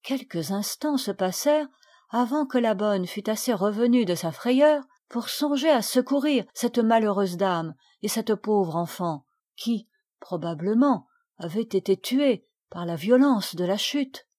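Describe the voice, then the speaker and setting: A woman narrating a storybook aloud in a measured, expressive reading. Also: mid-range voice. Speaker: audiobook reader. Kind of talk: audiobook narration.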